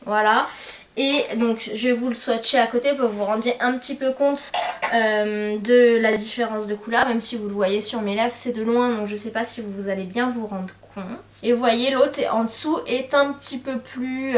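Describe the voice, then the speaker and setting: A woman's voice: on the high side, roomy sound, recorded from a distance. A young woman chatting casually to camera about beauty purchases, with frequent hesitant fillers. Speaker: beauty vlogger. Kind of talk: casual haul chat to camera.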